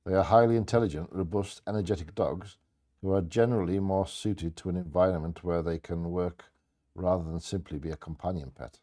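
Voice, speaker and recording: Low, mellow man co-hosting bingo. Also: fairly even intonation, fairly quick. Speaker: co-host of a bingo game. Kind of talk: reading short fact blurbs with casual asides.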